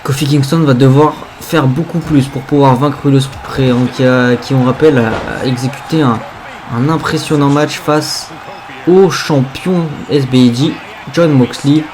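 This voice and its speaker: A man's voice: medium pitch, steady tone, a little slow, a little mellow. A man doing play-by-play wrestling commentary on a video game match, reacting to each move with exclamations. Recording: clear background noise.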